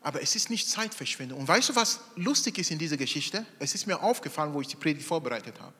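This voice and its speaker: Animated high-voiced preacher in a reverberant hall. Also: male voice, fast. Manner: animated, acts out quoted voices. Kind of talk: sermon.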